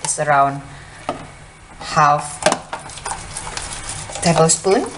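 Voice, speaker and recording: Slow, low-voiced woman cooking. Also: noisy background. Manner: slow, simple non-native English with pauses. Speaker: home cook. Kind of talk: cooking tutorial. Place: home kitchen. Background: dishes, cutlery and stirring sounds.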